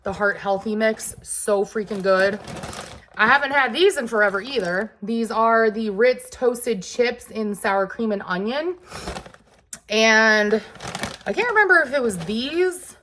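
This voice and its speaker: Her voice is on the high side, fairly bright and a little slow, with a bit of hiss or hum in the background. The Southern-accented vlogger, hot, sweaty and sniffling from allergies, rambles through a grocery haul, chatty and full of asides and loose fillers.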